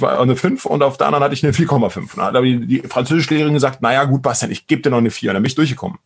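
Husky-voiced man with a Berlin accent. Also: mid-range voice. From Brandenburg, Germany. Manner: rambling, many fillers and restarts. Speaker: guest, entrepreneurship professor. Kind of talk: casual interview talk.

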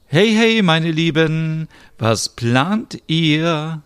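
A man as a loud, cheerful woman neighbor, singsong and lively. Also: mid-range voice, pitched above the performer's own voice. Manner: loud drawn-out greetings. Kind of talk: voicing characters in a narrated story.

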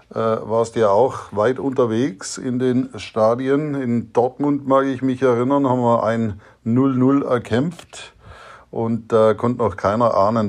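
A man, a father recording a fond, reminiscing message to his son, with some hesitant fillers. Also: mid-range voice.

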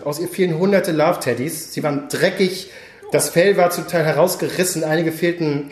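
A man hosting a podcast, reading his own dark story aloud in a slow, grave manner. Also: on the high side. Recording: roomy echo.

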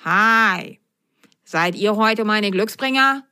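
A woman's voice: medium pitch, takes it slowly, pushed and bright, clear, resonant tone, no room sound, clean studio sound, pitched above the performer's own voice. A woman voicing an eager, self-assured orange racing seahorse in a storybook. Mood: confident.

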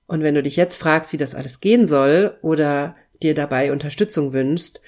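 Woman, low voice, podcast host, coach, solo monologue, speaks to the listener directly, earnest, lists. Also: a little mellow.

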